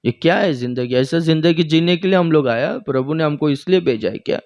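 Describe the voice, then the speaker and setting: A man's voice: animated, a little fast, gravelly, darkish tone. A male pastor from India preaching a sermon, retelling stories with quoted dialogue and breaking into exclamations of praise. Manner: preaching with sudden rises in pitch and frequent praise exclamations.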